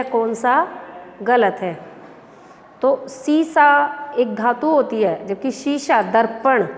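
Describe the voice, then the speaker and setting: A woman teacher with a fairly high voice talks young pupils through a lesson. She takes it slowly, repeating each example. Her voice rings with a long reverb from the room. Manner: slow, patient explaining with repeated examples. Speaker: school teacher. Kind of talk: recorded online class lesson.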